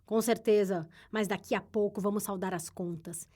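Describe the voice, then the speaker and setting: Brash male rider, blustering and loud; read by a woman narrator. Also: mid-range voice, steady tone, moderate pace, close to an everyday voice. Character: brash, defensive male rider on a scheming errand.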